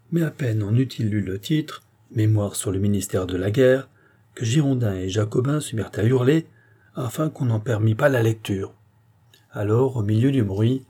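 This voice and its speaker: Man, husky voice, warm and dark, steady storybook reading. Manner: measured storytelling, lifting pitch for quoted voices. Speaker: audiobook reader. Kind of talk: scripted narration of a classic novel.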